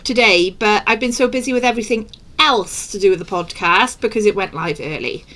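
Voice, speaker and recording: A woman co-hosting a podcast, chatting casually with quick asides. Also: mid-range voice, fairly bright tone. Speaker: podcast co-host. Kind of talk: casual chat.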